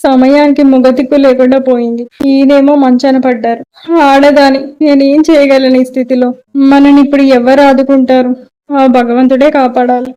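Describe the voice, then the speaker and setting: A woman's voice: high-pitched, level tone, normal speed, mellow, clean tone, low-quality recording. A woman with a Telugu accent voicing the mother-in-law in a cartoon moral story, pleading and emotional.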